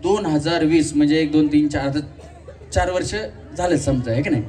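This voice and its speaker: A man hosting a live game show on an event stage, teasing contestants and shouting rhythmic game calls. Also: fairly high pitch, normal speed. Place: community event stage with audience. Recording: distant mic, faint crowd and noise.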